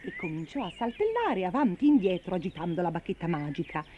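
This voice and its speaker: A woman narrating a children's storybook in an expressive, lilting way. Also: fairly low pitch, quick pace, noisy background. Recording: dull lo-fi recording.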